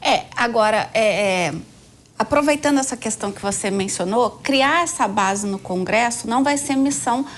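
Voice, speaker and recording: A woman's voice: fairly high pitch, normal speed. A woman with a Brazilian Portuguese accent, a political commentator explaining her points earnestly with many fillers. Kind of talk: political panel discussion.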